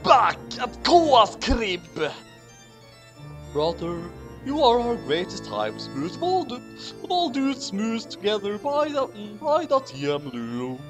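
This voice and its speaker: The host's medium-pitched voice swings hugely in pitch and moves at a slow pace through a comedic dramatic reading of a garbled fan story. It's theatrical and mock-outraged, set against background music.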